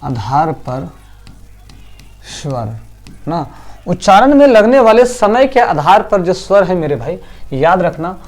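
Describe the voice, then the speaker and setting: A man's voice: high-pitched, big pitch swings, slow pace, long pauses, darkish tone. A man teaching a grammar class. He repeats each point, asks his students questions and answers them himself, and sometimes chants vowel sounds aloud. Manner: repetitive drilling, rhetorical questions to students. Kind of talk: online class lecture.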